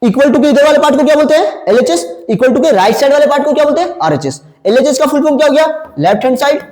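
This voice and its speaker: A male math teacher with a high, sing-song voice that leaps up and down as he quizzes his class. He keeps asking a question and supplying the answer himself. The sound is roomy, with a long reverb trailing after his words. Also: lively intonation, quick pace, darkish tone. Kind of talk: classroom lecture. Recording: echoey room with long reverb.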